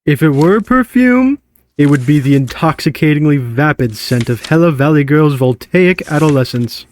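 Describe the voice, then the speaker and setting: A man voicing a haughty gorilla genius with a deep, breathy voice, handing down slow, pompous verdicts. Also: animated, darkish tone, natural voice. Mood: scornful. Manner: pompous, slow critical pronouncements.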